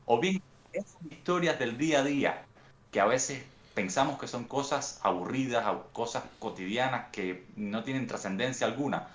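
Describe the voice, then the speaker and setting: A young Cuban man with a Cuban accent talks through his answers in an unhurried, reflective way, often circling back to restart a phrase. His voice sits at an ordinary middle pitch. It carries a noticeable roomy echo. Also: lively intonation. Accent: Cuban Spanish. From Cuba. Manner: thoughtful, unhurried storytelling with frequent restarts. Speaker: guest author.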